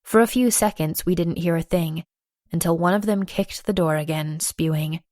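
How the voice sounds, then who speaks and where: A woman narrating a first-person romance audiobook, playful and lively with acted dialogue. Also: lowish voice, moderate pace, no room sound, clean studio sound.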